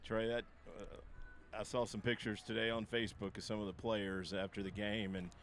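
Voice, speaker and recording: A man with a low voice welcomes listeners to a local ballgame, talking at an easy pace with plenty of pauses and fillers. He is outdoors, and faint traffic noise hums behind him. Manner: relaxed, hesitant, lots of uh fillers. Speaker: play-by-play broadcaster. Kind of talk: casual broadcast chat.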